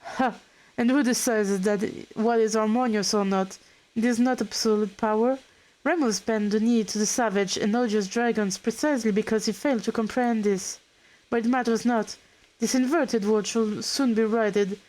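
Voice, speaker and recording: A grandiose ancient schemer with a fondness for old-fashioned, lofty phrasing, as a woman reads him aloud. The voice sits a little high, unhurried and declaiming like a game villain. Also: fairly even intonation, darkish tone, natural voice, poor audio. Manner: pompous, archaic speech. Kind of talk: reading game dialogue aloud.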